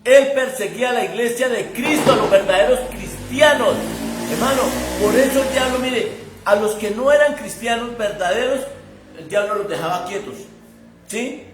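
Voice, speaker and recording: A man's voice: very high voice, moderate pace, music in the background. A man preaching a sermon in a conversational, emphatic way, speaking straight to his listener. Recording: echoey room.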